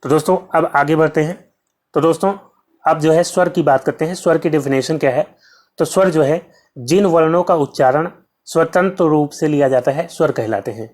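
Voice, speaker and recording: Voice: mid-range voice, fairly quick, darkish tone. A Hindi teacher talks through an exam-prep lesson in a mid-range voice. The teacher drills each point by asking a question and then answering it. Nearly every sentence carries the filler "जो है". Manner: heavy use of filler "जो है".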